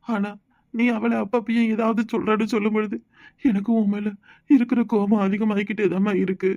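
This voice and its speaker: A man's voice: sits high, flat delivery, a little fast, a little mellow, lo-fi sound. A man voicing a young married son who speaks a southern Tamil village dialect and complains to his mother that he feels hurt and abandoned, in a cartoon. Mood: hurt, resentful. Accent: southern Tamil Nadu village dialect. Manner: aggrieved, emotional complaining. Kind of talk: cartoon voice acting.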